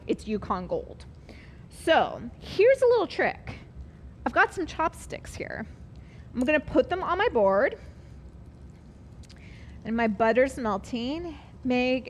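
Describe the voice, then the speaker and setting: A woman's voice: sits high, a little hiss or hum. A woman teaching a live online cooking class, chatty and upbeat, explaining each step as she works.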